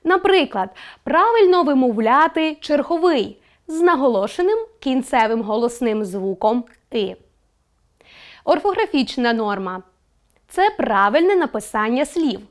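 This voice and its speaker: Lively high-voiced woman teaching. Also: a little slow. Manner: clear, instructive, stresses examples. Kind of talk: online school lesson.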